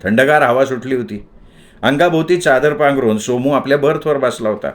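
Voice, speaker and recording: A man narrating a story aloud in an expressive, dramatic storytelling manner. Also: medium pitch, moderate pace.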